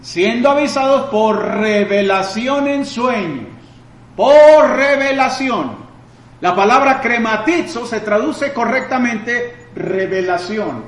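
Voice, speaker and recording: A man preaching a sermon, asking his listeners rhetorical questions and answering them himself, with loud emphatic bursts and quieter explaining stretches. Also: very high voice, reverberant, rough recording.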